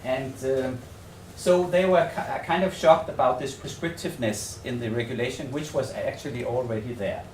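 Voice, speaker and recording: Picked up from some distance in an echoey hotel seminar room with faint noise behind him, a Danish man gives a semi-improvised research presentation. He has a Danish accent and an average male pitch. His delivery is tentative and halting, with frequent repeated words as he figures out his phrasing.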